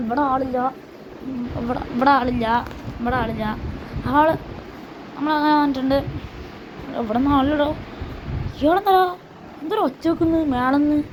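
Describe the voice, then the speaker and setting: There's background noise behind this high-voiced woman, who hosts a gaming channel. Chatting casually through her gameplay, she repeats herself a lot and speaks to viewers in slang.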